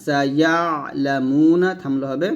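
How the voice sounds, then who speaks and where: A man teaching Quran reading step by step, spelling out letters and vowel marks, then chanting the verses in long drawn-out tones. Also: a little high, fairly even intonation, darkish tone, highs cut off. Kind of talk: step-by-step recitation lesson.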